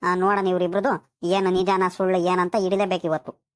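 A woman's voice: lowish voice, little pitch movement, moderate pace, close to an everyday voice. A woman voicing a suspicious, scolding village woman in a cartoon. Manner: fussing, scolding. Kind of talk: cartoon voice acting.

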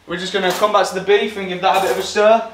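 A young man with a fairly high voice talks casually and upbeat while cooking at home. He is picked up from across a small kitchen, so the sound is roomy and echoey. Steady background noise sits under his voice. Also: racing. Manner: chatty, upbeat, talking to camera while cooking. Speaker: fitness vlogger. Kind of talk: casual how-to vlog. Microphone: camera mic from across the room.

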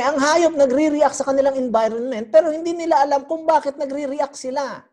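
A woman preaching a sermon. She is animated and teasing, and keeps quizzing the congregation. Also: high-pitched. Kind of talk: sermon teaching.

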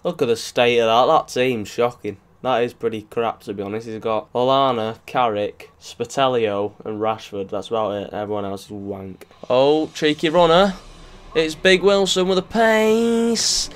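A young man commentating his football video game in an excitable, jokey way, swearing often and breaking into sudden shouts. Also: medium pitch, normal speed, few pauses, smooth. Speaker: gaming youtuber.

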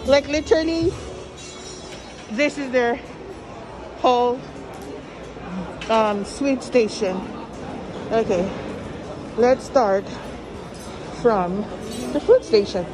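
Touring a buffet in a big, crowded indoor restaurant, a female vlogger speaks at a fairly high pitch, very slowly, and pauses often. Her casual commentary is chatty and enthusiastic, with a lot of repetition. The handheld phone camera picks up the crowd's chatter and the music playing behind her.

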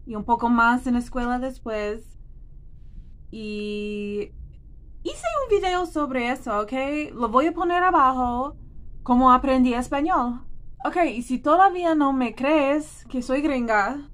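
Bright, high and expressive, the vlogger's voice moves slowly as she chats to camera indoors in a small room. She's an American native English speaker from New Jersey, in her thirties, with a casual manner.

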